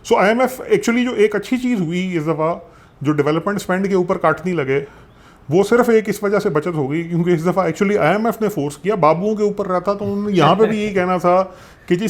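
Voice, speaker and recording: A man with a Pakistani Urdu accent explaining economics in a conversational way, animated and sprinkling in English phrases. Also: high-pitched. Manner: animated, mixes English phrases, frequent fillers. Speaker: economics commentator.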